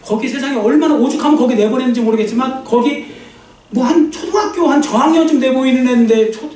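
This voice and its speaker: A man's voice: extremely high pitch, fast talker, darkish tone, heavy reverb, recorded from a distance, poor audio. A male pastor giving a Korean church sermon in a conversational way, often acting out everyday dialogue. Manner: conversational preaching, acts out quoted dialogue. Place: church sanctuary.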